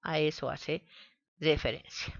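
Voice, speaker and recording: A woman teaches a grammar lesson at a very unhurried pace, drawing out each syllable. Her voice sits a little low but sounds bright and clear. The recording is dry with a dull, lo-fi quality. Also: steady tone, no room sound. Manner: slow, deliberate, spells out syllables.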